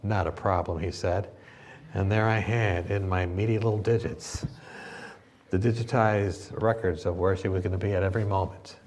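A man's voice: deep voice, steady tone, normal speed, a little mellow, a little hiss or hum. A middle-aged man preaching a humorous sermon at a university gathering. He teases his listeners, laughs through his own stories, and gets the crowd to answer his questions.

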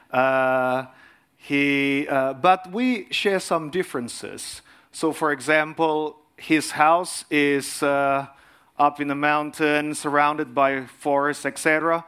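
A man's voice: fairly high pitch, a bit bright. Earnest Indonesian-born man giving a sermon. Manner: earnest, frequent filler pauses. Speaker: guest speaker. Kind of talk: sermon presentation.

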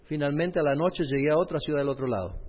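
A man's voice: a little high, fast talker, husky. A middle-aged male pastor, telling a personal testimony in a sermon and speaking straight to his audience. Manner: storytelling, addresses the audience directly. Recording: reverberant hall, dull lo-fi sound.

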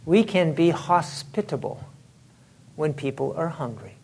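A man giving an informal religious history lecture, animated and chatty, often laughing and saying "it's like" and "you know". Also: on the high side, a little slow, creaky, breathy edge.

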